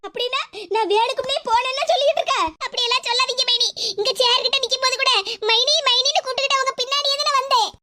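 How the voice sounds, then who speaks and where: A woman's voice: extremely high pitch, steady tone, fast, hardly any pauses, sharp tone, dry recording. A woman voicing a young village woman in a cartoon, an anxious, pleading sister speaking with a Tirunelveli Tamil accent. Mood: hurt. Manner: pleading, repeatedly calling out.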